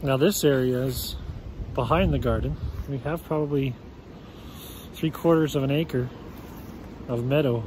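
A man in his thirties, with a medium-pitched voice and a measured pace, pauses often as he gives a casual tour of his garden on a snowy rural acreage. He explains his plans plainly and practically into a phone held at arm's length, and loud wind and outdoor noise fill the recording.

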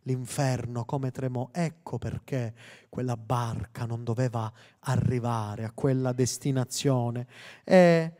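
A man's voice: mid-range voice, takes it slowly. Fervent man preaching in a reverberant hall. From Sicily, Italy. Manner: fervent preaching, rising to loud emphatic peaks. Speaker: pastor. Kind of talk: sermon. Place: church hall. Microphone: handheld mic.

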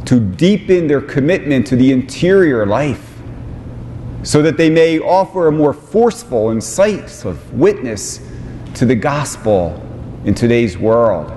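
A bishop in his forties delivers an ordination homily in a measured, unhurried way. His voice carries the long reverb of a large cathedral. A faint low rumble sits under the recording. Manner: slow, measured delivery with warm asides. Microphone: small lapel mic on vestments.

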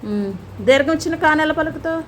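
Chatty mother with a high voice. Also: animated, quick pace, a little hiss or hum. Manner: patient, coaxing teacher, chatty toward viewers. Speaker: vlogger and mother. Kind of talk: casual home vlog chat. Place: home kitchen.

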